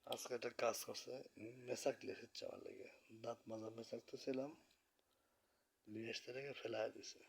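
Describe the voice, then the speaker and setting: A man quietly narrating a late-night home vlog about his pet bird, speaking softly so the neighbors can sleep. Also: medium pitch, steady tone, normal speed, vocal fry, husky. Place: indoors at home, in bed.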